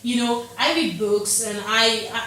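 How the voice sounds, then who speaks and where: A woman's voice: on the high side, unhurried. A young woman from Nigeria, an interview guest, talking casually with energy and emphatic repetition in a studio. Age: young adult. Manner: energetic, emphatic, repeats phrases for effect. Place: studio set with sofa. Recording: very echoey studio, heard from a distance.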